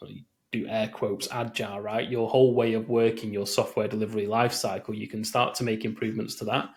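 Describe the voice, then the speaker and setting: Lowish-voiced man rambling casually. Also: little pitch movement, brisk. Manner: rambling, many fillers and restarts. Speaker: podcast co-host. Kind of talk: casual chat.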